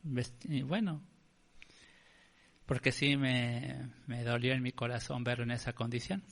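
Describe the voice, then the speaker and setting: A Mexican man preaching with a rough, gravelly edge to his mid-pitched voice. He tells the story in a relaxed, chatty way, like he is talking to a friend. He keeps calling the congregation "brother". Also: a little slow. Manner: conversational, addresses listeners as brother. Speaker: pastor. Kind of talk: storytelling sermon.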